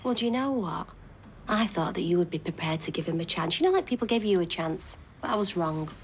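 A woman's voice: on the low side, expressive, a little fast, slight background noise. An actress playing a stubborn, protective working-class woman in a British soap, chatty and persuasive. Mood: disappointed. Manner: persuasive, chatty, full of tag questions. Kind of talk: naturalistic British TV soap acting.

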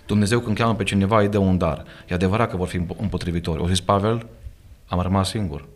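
A man's voice: low-pitched, steady tone, faint music behind. A man with a Romanian accent speaking as a pastor in a podcast conversation, earnest and emphatic, quoting scripture as he talks. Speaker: pastor and guest. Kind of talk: podcast conversation, preaching manner. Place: studio.

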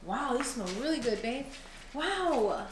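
A young woman chatting casually to her viewers in a home vlog, expressive and talkative. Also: high voice, takes it slowly, very noisy. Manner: chatty and expressive, talks straight to viewers as "y'all". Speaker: vlogger. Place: at home, indoors.

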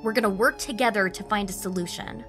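A woman's voice: mid-range voice, fast, over music, natural voice. A woman playing a firm army sergeant. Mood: pleading. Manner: commanding, insistent. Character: male WWI sergeant, firm and commanding.

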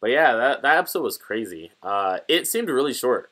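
A man's voice: mid-range voice, normal speed. A young man co-hosting an anime reaction chat, talking casually and acting out characters in raised voices. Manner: animated, acts out quoted characters in raised voices. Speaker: co-host of anime reaction channel.

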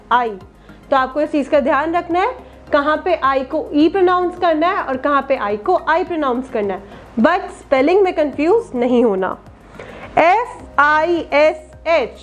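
A woman teaching young children phonics, spelling words out letter by letter and often checking they follow. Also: high voice. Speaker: kindergarten teacher.

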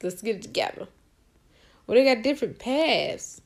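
A woman's voice: on the high side, lively intonation, normal speed, gravelly. A young adult woman hosting a gaming channel, commentating her play with squeals, gasps and coaxing cheers. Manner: squealing and gasping, coaxing the game aloud. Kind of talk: excited game commentary.

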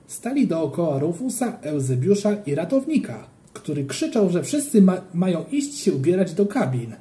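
Playful kids' story narration, bouncy and expressive, warm mellow voice. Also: mid-range voice, normal speed. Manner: animated, playful. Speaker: audiobook reader. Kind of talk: storytelling narration of a children's book.

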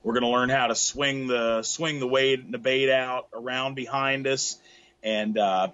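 A man's voice: mid-range voice, fairly even intonation, a little slow, bright, forceful tone, dull audio. A middle-aged man explaining surf fishing technique on a video call from a tackle shop, with lots of fillers and restarts. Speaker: guest fishing expert. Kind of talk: casual video-call interview. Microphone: laptop webcam on a video call.

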